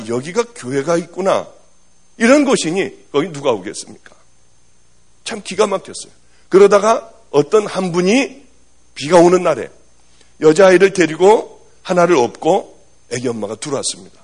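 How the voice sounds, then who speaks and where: A man preaching a sermon as a pastor, telling a personal story in a lively storytelling manner. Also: sits high, slightly rough. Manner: animated storytelling, swinging from loud to hushed.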